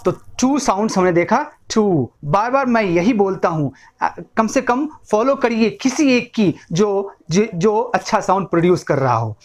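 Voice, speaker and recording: A man's voice: sits high, sing-song, moderate pace, hardly any pauses. A man with an Indian accent teaching an English lesson, drilling words by repeating them and often checking in with "right?". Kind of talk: bilingual classroom lesson.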